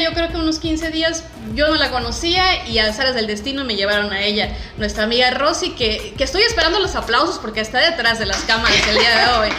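A woman's voice: a little high, bright, forceful tone, reverberant. A woman with a Mexican accent, presenting and interviewing as a chatty, emphatic podcast host.

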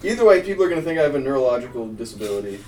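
A young man co-hosting a podcast in casual chat, easygoing and quick to laugh. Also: medium pitch, very animated, darkish tone, a little hiss or hum. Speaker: podcast co-host. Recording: roomy sound, mic at a distance.

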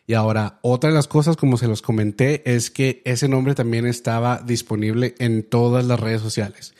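A man's voice: medium pitch, fairly even intonation, normal speed, darkish tone. A young man hosting his own podcast, telling a story in a loose, chatty way full of fillers and restarts. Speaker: podcast host. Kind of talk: casual storytelling monologue.

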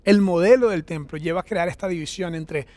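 A man's voice: high voice, brisk, a little mellow, no room sound. A man in his thirties preaching a sermon in a conversational, storytelling way, often checking in with his listeners. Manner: conversational, anecdotal, frequent "¿verdad?" tag questions. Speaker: pastor.

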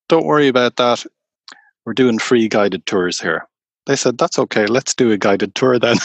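A man, a tour guide, telling stories slowly and unhurriedly in an interview. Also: mid-range voice, dry recording. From Ireland. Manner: slow, unhurried anecdotal telling. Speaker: tour guide and storyteller guest. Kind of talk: conversational storytelling interview.

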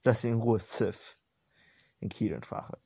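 A man casually reading a comic aloud and commenting on it in slangy, relaxed speech. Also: fairly low pitch, measured pace. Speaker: comic reader.

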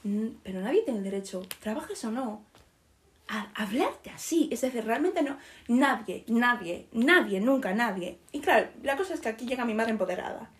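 A young woman, co-hosting a podcast and telling a story in a lively, self-mocking way, acting out what people said. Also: a little high, moderate pace. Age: young adult. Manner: animated, self-mocking, acts out quotes. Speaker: podcast co-host. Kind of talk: casual storytelling chat.

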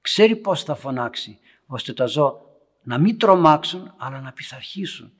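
Priest for a parish homily: husky male voice, storytelling, swings from loud to hushed. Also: on the high side, animated. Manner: storytelling, loudness rising and dropping to near whispers. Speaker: Orthodox priest. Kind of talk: homily to young parents. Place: church meeting room.

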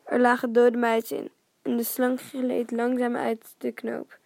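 Female storyteller for a children's book: calm, even, gravelly, dry close sound. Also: on the high side, measured pace, no echo. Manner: calm and steady, dropping to a near whisper at times, with small reading slips. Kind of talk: reading a children's story aloud.

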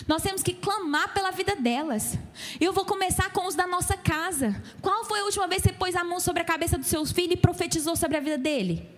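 A woman's voice: very high voice, quick pace. A middle-aged woman pastor preaching a sermon to a church, emphatic and full of direct questions to her listeners.

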